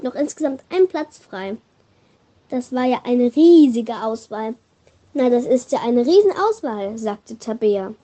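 A woman narrating a storybook reading in a calm, even storytelling manner. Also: a little high.

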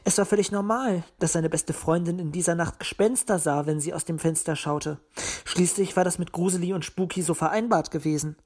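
A woman narrating a children's story audiobook in a calm, measured reading. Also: on the low side.

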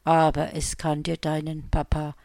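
A woman voicing a kindly, patient old Saint Nicholas in a storybook reading, speaking softly and reassuringly. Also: low-pitched, monotone, unhurried, vocal fry, no room sound, clean studio sound. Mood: gently explaining. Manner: soft, reassuring, fatherly.

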